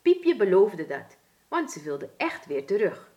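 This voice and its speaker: Surinamese dutch woman reading a kids' storybook, super slow, really animated voice. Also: medium pitch, highs cut off. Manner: expressive, deliberate.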